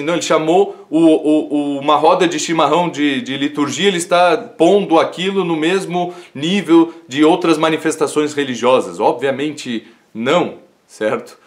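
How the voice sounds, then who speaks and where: A man teaching classical literature in a livestream lecture, talking in an unhurried way with frequent fillers and "isn't it?" tags. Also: fairly high pitch.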